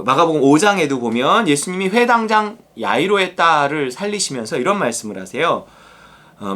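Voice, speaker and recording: A male pastor giving a daily devotional sermon in a conversational, animated way. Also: fairly high pitch. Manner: animated, conversational, acts out quotes.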